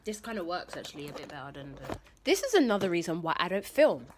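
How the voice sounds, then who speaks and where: A woman's voice: lowish voice, very animated, quick pace, a little hiss or hum. A woman chatting candidly to her phone camera in her bedroom, rambling and talking while she eats. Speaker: vlogger. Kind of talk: casual vlog chat.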